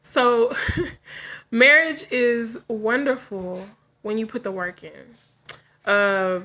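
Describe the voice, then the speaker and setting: Slow and fairly even in intonation, her slightly high voice has a sharp edge. She's a forty-something vlogger speaking frankly to viewers, laughing often and trailing into tangents, and she seems to have just rolled out of bed.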